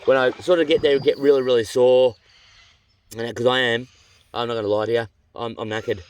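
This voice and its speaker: A middle-aged Australian man on a long canoe trip chats for his vlog by a river among rocky cliffs, with birdsong in the bush behind him. Tired and rambling, he uses slang and has a slightly runny nose. His voice is medium-pitched, smooth, and brisk with fairly even intonation, and there is no echo.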